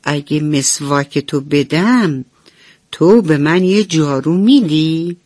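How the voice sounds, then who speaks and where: A woman's voice: deep voice, a little mellow, dry recording, studio quality. A woman voicing a stubborn, brusque grown-up lady rabbit in a radio bedtime story. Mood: bossy. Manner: brusque, bossy.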